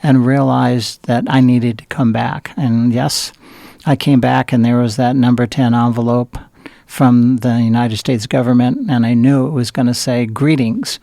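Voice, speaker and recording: Gravelly older man telling stories. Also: medium pitch, little pitch movement, normal speed, dark tone, no room sound. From Southern California. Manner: rambling, reflective, many fillers and restarts. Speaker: guest. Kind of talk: interview storytelling.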